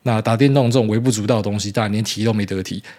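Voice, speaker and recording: A man's voice: fairly low pitch, fairly even intonation, very fast, a little mellow. A man in his thirties with a Taiwanese Mandarin accent, hosting a casual solo podcast in a rambling, blunt way with mild swearing. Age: 30s. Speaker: podcast host.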